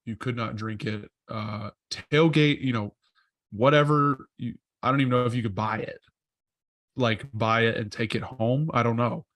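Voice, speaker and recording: Podcast co-host, male, mid-pitched, meandering talker, dead-dry close-miked sound. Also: steady tone, normal speed, fairly bright tone, dry recording. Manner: rambling, thinks aloud with frequent self-corrections. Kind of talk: casual podcast chat.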